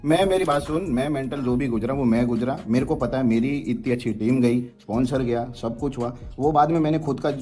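Medium-pitched and dark in tone, this man's voice moves a little fast with few pauses. He's an esports player in his thirties seated in a gaming chair in a small room, speaking heatedly and bluntly into a headset mic for a livestream and a call recording, repeating himself to drive points home.

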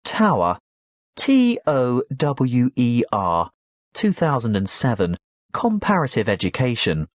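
A man playing a helpful university tutor in a scripted educational dialogue, advising clearly and instructively. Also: mid-range voice, huge pitch swings, unhurried, no room sound, studio quality. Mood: helpful, advisory.

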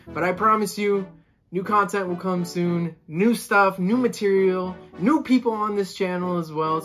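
Seated at home with the camera in front of him, a Colombian-born young man in his twenties who vlogs about saxophone chats in a high-pitched, fairly bright voice. He gestures with both hands as he talks casually.

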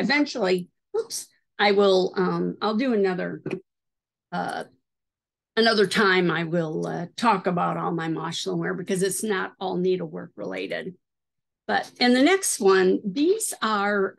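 A middle-aged woman with a lowish, gravelly voice hosts a needlework video. She shows off items casually and hesitantly, filling her talk with lots of fillers.

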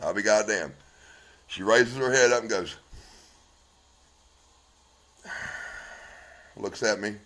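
A blunt man speaks into a phone at arm's length, swearing in nearly every line as he recounts a story. He acts out both sides of past arguments in a rough, working-class way of talking. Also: fairly low pitch, normal speed, sharp tone. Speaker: man telling his story on a live video. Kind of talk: raw, heavily profane personal account. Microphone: phone held at arm's length.

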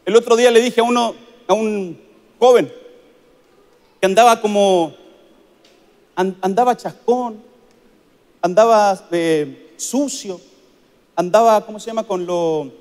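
A man's voice: high-pitched, a little slow, pauses often, a little mellow. Man, pastor, repeats lines for emphasis, long hall echo. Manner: emphatic preaching, repeats phrases for stress. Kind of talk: sermon.

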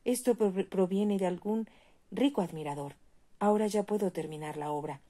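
A woman's voice: medium pitch, normal speed, dark tone, voice pushed up, natural voice. A woman voicing a poor young male student writer in a read-aloud fairy tale, sounding hopeful.

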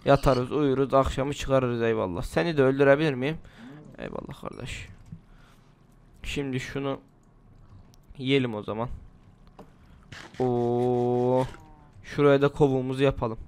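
Clear and resonant, with a darkish tone, this man's mid-range voice keeps a fairly even intonation at normal speed and pauses often. A slightly ill gaming host, he gives casual commentary on a survival game, chatting and rambling to himself as he plays.

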